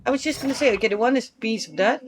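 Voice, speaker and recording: A woman's voice: fairly high pitch, rapid-fire, slight background noise. A woman streamer chatting casually and thinking aloud while she plays a game, with the odd swear word. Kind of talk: casual live gameplay commentary.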